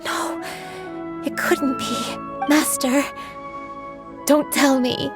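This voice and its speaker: Gentle crane spirit grandmother, remorseful, reflective game drama, fairly high voice, music underneath. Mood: stunned realization. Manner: reflective, measured storytelling. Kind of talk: dramatic video game voice acting.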